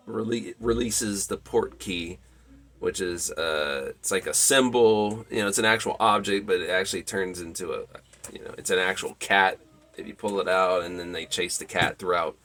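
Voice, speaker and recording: A man giving a casual, rambling movie review, full of ums and restarts, with lively enthusiasm. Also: fairly low pitch. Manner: rambling, many fillers and restarts.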